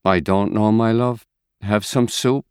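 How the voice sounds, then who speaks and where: A man voicing a kind, motherly middle-aged neighbour woman who speaks gently. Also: on the low side, steady tone, a little slow, clean tone, no room sound, studio quality, lightly acted. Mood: soothing. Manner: soothing, gentle.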